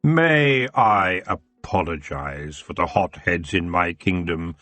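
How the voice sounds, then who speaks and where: A man voicing a smooth, lazy elf king. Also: low-pitched, expressive, fairly bright tone, no room sound, faint music behind, pitched below the performer's own voice, exaggerated voice. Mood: lazy, cold. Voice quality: smooth, drawling. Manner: slow, lazy and silky, turning cold. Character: huge, lazy, menacing male elf king. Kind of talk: audiobook character voice.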